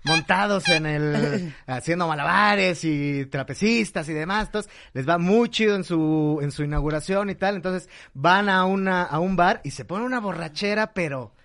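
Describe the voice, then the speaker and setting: A Mexican man with a fairly high voice tells jokes to his friends, animated and quick to act out the punchlines. He sounds young and relaxed, in casual banter. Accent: Mexican Spanish. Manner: animated, shouts and acts out the punchlines. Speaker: joke teller. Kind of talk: telling jokes among friends.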